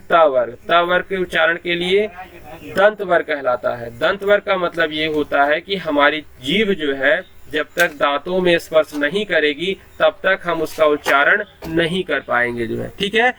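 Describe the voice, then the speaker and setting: A man's voice: on the high side, measured pace, sharp tone. A man teaching Hindi in an online class, explaining patiently and sounding out letters one by one, with a habit of repeating a filler phrase.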